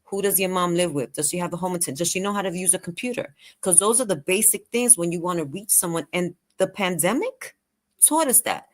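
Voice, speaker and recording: A woman guest on an interview show, talking persuasively and animatedly, firing off rhetorical questions and sometimes slowing her voice on purpose. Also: fairly low pitch. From Latin American heritage. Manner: animated, asks rapid rhetorical questions, deliberately slows her voice at times. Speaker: guest, care and virtual assistant business owner.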